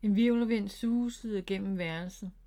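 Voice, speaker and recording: A woman narrating a children's storybook in a calm, steady way. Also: medium pitch.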